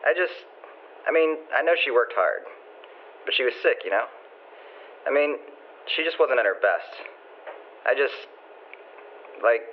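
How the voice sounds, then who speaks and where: A man's voice: medium pitch, lively intonation, a little slow, long pauses, slight background noise. Man voicing a young inmate on a prison phone, muffled lo-fi line, hesitant and defensive. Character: young male inmate claiming innocence. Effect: on a prison phone call.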